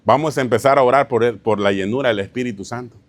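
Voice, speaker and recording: A man's voice: mid-range voice, fast talker. A male pastor preaching a sermon, often asking his congregation rhetorical questions and calling them brother. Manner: tells anecdotes with a chuckle, informal preaching. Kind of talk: sermon teaching.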